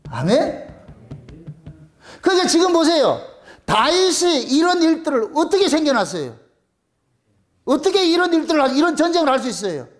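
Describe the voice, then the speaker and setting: A man preaching a sermon, retelling the story in a colloquial, animated way and voicing the characters. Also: very high voice, moderate pace, long pauses, faint music behind. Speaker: pastor.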